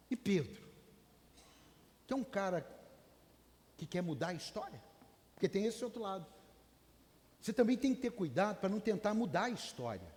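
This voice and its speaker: A man preaching a sermon in a Brazilian Portuguese accent, swinging between loud calls and hushed asides and urging the congregation to answer back. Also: sits high. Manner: urges the congregation to respond aloud. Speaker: pastor. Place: church hall. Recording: long church hall reverb.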